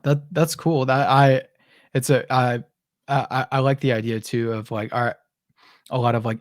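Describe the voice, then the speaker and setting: Halting man hosting, dry sound. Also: medium pitch, no echo. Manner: halting, many restarts and repeated words. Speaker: podcast host. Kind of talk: casual podcast interview.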